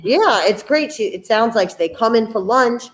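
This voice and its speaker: A woman's voice: a little high, animated, moderate pace, a little hiss or hum. A woman hosting a school open house, chatting playfully and enthusiastically with viewers and a young student. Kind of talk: upbeat casual chat.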